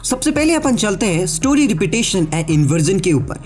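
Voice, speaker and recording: He speaks in a high, sing-song voice that's a little mellow, keeping a measured pace while soft music plays behind him. A sore throat and blocked nose color this casual anime-theory voice-over, recorded separately, in which he chats directly with viewers and mixes in English words.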